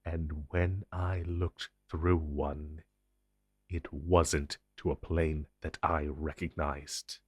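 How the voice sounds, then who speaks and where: In a heavily acted, intense audio roleplay monologue aimed at the listener, a man voices a possessive, ancient supernatural being who is also a grim secret-agency superior. His low, husky voice stays level, grave and confiding, commanding with dramatic pauses, recorded at studio quality with no echo.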